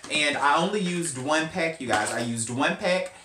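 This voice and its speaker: A man's voice: fairly high pitch, lively intonation, moderate pace. A man, chatting casually as a hair stylist vlogger, rambling with playful asides. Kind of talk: casual hair tutorial chat. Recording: roomy with faint hum.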